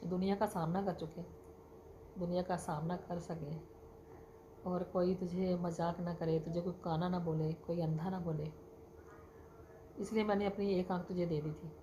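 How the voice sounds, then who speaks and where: A woman's voice: on the low side, dark tone, natural voice. A woman voicing a grieving old mother. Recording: noisy background.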